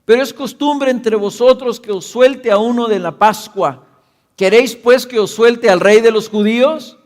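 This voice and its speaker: A man's voice: very high voice, unhurried, a little mellow, big-room sound, voice pushed up. A man reading out the questions of a Roman governor in a scripture reading, with pressing, rising questions. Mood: questioning.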